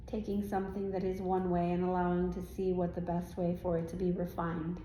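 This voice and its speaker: In a roomy indoor event space with faint noise, a trance channeler answers audience questions, speaking for a serene spirit guide with instructive, stilted, formal phrasing and many questioning tags. Her fairly low, warm voice, close to everyday, is completely flat and fairly quick.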